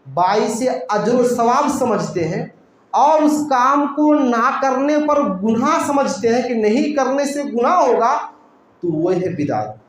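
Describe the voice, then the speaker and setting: A man's voice: very high voice, animated, slow. Echoing male preacher in a mosque hall. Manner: explanatory, rhetorical questions answered himself. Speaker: Islamic preacher. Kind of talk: religious lecture. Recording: very echoey room, faint noise.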